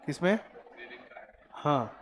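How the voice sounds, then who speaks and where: Slow, deliberate male commerce teacher. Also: a bit bright, a little hiss or hum. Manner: mixes Hindi, Marathi and English, quizzes students. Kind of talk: classroom lecture. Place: classroom.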